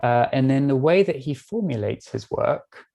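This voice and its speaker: A British man speaks at a middle pitch with a mellow, dark tone, guiding listeners through a live online art tour. He talks in a relaxed way, pausing often with small fillers as he explains each piece. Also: creaky. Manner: relaxed, frequent filler pauses. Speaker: tour guide.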